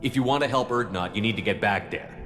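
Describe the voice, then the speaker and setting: A man's voice: fairly low pitch, fast, fairly bright tone, lightly acted. A man voicing a tough, blunt military commander in a video game, direct and commanding. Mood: firm. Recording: reverberant hall, faint music behind. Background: faint music.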